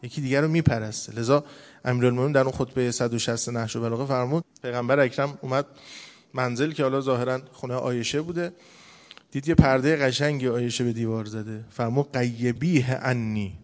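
A male preacher talks through a sermon in an easy, chatty storytelling way, slowing right down whenever he recites scripture. His voice sits at an ordinary middle pitch. A long hall reverb trails after every phrase. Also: fairly even intonation, darkish tone. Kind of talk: colloquial religious sermon.

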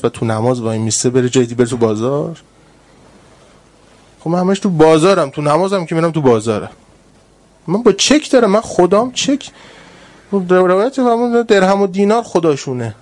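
A man preaching a sermon, telling stories in an animated way and swinging between loud and hushed delivery. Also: on the high side. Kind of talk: sermon with storytelling.

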